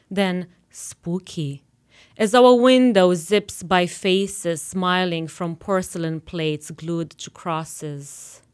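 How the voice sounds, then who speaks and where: A woman poet from Romania in her forties, reading her poems slowly and deliberately on a radio show. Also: fairly low pitch, smooth. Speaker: poet guest. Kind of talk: poetry reading.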